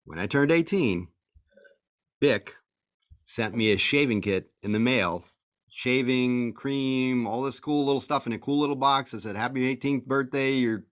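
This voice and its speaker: A man's voice: medium pitch, measured pace, no room sound, clean studio sound. A man in his forties co-hosting a casual podcast over a video call, rambling and joking about himself and laughing often. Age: 40s. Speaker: podcast co-host. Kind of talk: casual chat.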